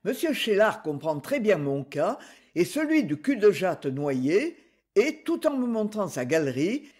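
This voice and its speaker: A woman reading a novel aloud as an audiobook, in a measured, expressive narration. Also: fairly low pitch. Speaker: audiobook reader. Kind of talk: scripted narration.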